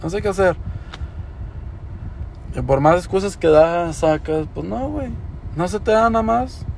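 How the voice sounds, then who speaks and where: A man's voice: high voice, lively intonation, a little slow, gravelly, slight background noise. A young man telling a casual story, full of slang and swearing. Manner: slangy, swears often, says "güey" constantly. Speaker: podcaster.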